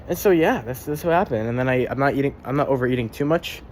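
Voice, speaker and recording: A man's voice: medium pitch, fast talker, slight background noise. A young man keeping a casual spoken journal, rambling, swearing freely and often repeating himself or tripping over his words.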